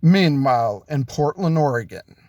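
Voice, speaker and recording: A man telling an improvised story in a halting way, with restarts and self-corrections. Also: on the high side, expressive, darkish tone, no room sound, clean studio sound. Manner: slow, halting delivery with restarts.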